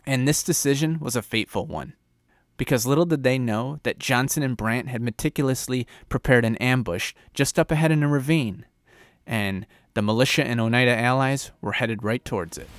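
A man's voice: medium pitch, brisk, no echo, clean studio sound. A man hosting a history channel, narrating a battle in a casual, conversational storytelling way.

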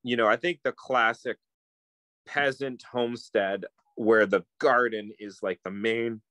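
A middle-aged man, a permaculturist appearing as a guest, talks casually over a phone video call from a home room lined with bookshelves. His medium-pitched voice is steady and sharp, his pace measured, and the close-up phone mic picks up no room sound. He is thoughtful and meandering, with plenty of fillers and restarts.

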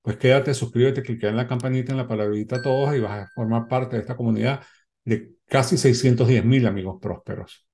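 A man's voice: medium pitch, fairly quick, dark tone. A man in his fifties, host of a self-help channel, talking straight to the camera and giving instructions, repeating his points and checking in with the listener. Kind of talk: direct-to-camera advice talk. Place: indoor room, seated before a window backdrop.

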